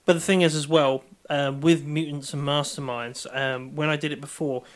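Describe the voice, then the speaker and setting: Higher-voiced man in casual game chat. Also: fairly even intonation, moderate pace. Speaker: tabletop game player. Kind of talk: casual banter.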